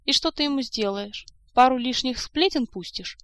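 A woman's voice: sits high, lively intonation, moderate pace, a bit bright, no room sound, pitched above the performer's own voice. A woman reading as a lazy, mocking lady of the court who drawls every word with indifference. The voice is dry and close. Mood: drawling.

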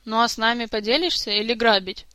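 A man's voice: very high-pitched, fairly even intonation, quick pace, sharp tone, no echo. Woman voicing a grumbling sarcastic thief. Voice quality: gruff, mocking. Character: grumbling sarcastic male jester-thief, adult.

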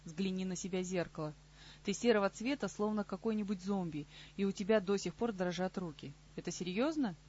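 A woman voicing a sardonic middle-aged king in an audiobook, dry and unhurried, on slightly muffled audio. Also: mid-range voice, a little mellow, slightly rough, lightly acted. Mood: dry mocking. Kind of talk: audiobook character reading.

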